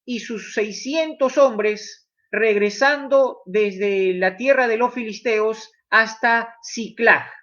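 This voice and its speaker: A man's voice: sits high, takes it slowly, a bit bright, lo-fi sound. A man preaching a sermon, emphatic, putting questions straight to his listeners.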